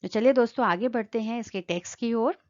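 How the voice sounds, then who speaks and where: A woman's voice: a little high, fast, darkish tone, highs cut off. A woman teaching an exam-prep lesson, explaining step by step and often checking in with her listeners. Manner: explanatory, repeats "ठीक है" often. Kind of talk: exam-prep lecture in Hindi-English mix.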